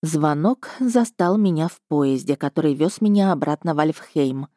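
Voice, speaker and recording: A woman's voice: low voice, expressive, moderate pace, warm tone, no echo. A woman reading a first-person story aloud with a wry, dry tone. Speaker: audiobook narrator. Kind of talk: scripted first-person narration.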